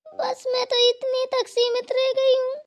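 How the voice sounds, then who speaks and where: A woman voicing a gentle young wife who consoles and rambles about her complaints, in a cartoon. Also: very high voice, completely flat delivery, a little slow. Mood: complaining. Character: gentle young wife, bhabhi, soothing and chatty. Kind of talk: cartoon voice acting.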